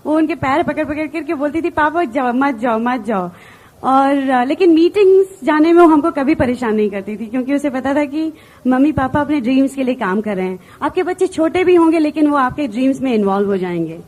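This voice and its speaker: A woman's voice: high voice, animated, a little fast, darkish tone. A woman from India giving an earnest motivational stage talk, telling personal stories and mixing in English words. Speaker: business seminar speaker.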